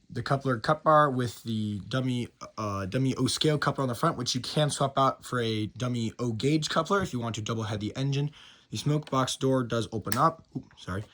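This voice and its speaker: Man with a scratchy, hoarse voice. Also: mid-range voice, fairly bright tone. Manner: enthusiastic, with frequent fillers and restarts. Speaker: model train reviewer. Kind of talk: casual product review.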